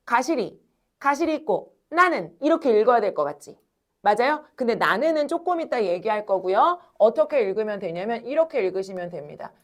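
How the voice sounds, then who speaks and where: Animated woman teacher, lively pitch. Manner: animated, addresses students directly, asks and answers own questions; stretches words slowly when demonstrating. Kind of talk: classroom lecture. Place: classroom.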